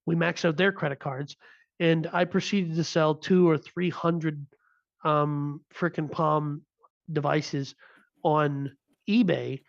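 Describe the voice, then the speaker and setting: A man's voice: on the high side, steady tone, slow, creaky, no echo, dull audio. A man in his thirties co-hosting a podcast, telling a story casually with lots of restarts. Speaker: podcast co-host. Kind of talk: casual chat.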